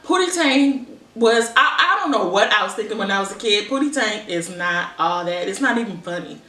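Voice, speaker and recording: A young woman talks casually to her viewers in a bright, forward voice. She rambles and thinks aloud in a conversational way. The sound is echoey, picked up at some distance from the mic in a room. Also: medium pitch, animated, moderate pace. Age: young adult. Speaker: vlogger. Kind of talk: casual chit-chat monologue.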